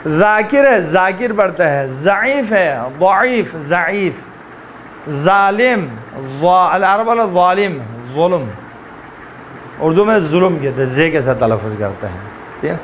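Male recitation teacher, high-pitched, slow drilling of letter sounds, keeps checking if students follow, faint traffic behind. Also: animated, a bit bright. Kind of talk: classroom pronunciation lesson.

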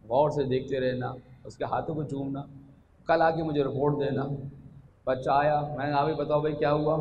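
A man delivers a fervent religious sermon in a slightly high voice. He drops to hushed, low passages, then surges up into loud, ringing exhortations. His voice carries through an echoing hall with a long reverb tail. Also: muffled recording, slight background noise. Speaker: Shia preacher at a majlis. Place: large hall at a religious gathering.

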